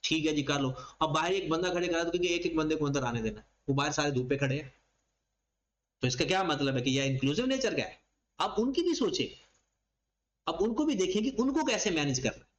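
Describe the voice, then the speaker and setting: A man's voice: on the high side, animated, brisk, low-quality recording. A man giving a classroom lecture, explaining each point by asking a question and then answering it himself. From Pakistan. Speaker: accounting lecturer.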